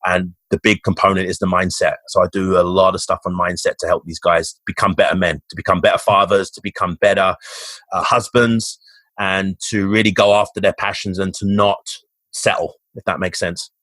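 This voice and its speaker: Low-voiced Cockney man, upbeat and motivational. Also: little pitch movement, moderate pace, a bit bright, no echo. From East End of London, England. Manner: upbeat, motivational, frequent restarts. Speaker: fitness coach, podcast guest. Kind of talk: casual interview talk.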